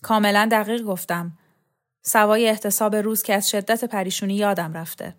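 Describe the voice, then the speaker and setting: A woman's voice: mid-range voice, fairly even intonation, lightly acted. A woman reader voicing a tired, defiant young man giving evasive answers in a storybook reading. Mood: weary.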